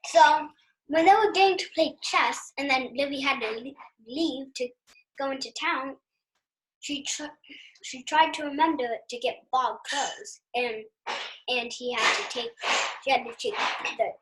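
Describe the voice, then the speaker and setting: A young girl with a high voice retells a story in halting bursts, restarting again and again. Faint hiss and clicks sit underneath. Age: child. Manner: halting, full of "and then" restarts. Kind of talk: casual retelling.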